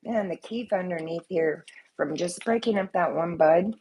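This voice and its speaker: A woman with a fairly low, slightly mellow voice talks at normal speed against slight background noise. Nursing a slight cold, the vlogger and soap maker chats casually to the camera at home, her living room in view, rambling on and swearing freely.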